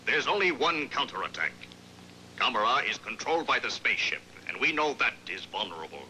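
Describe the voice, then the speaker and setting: A man's voice: mid-range voice, very animated, brisk, bright, forceful tone, a little hiss or hum, poor audio. A man playing a grave, commanding army general in a dubbed science-fiction monster film.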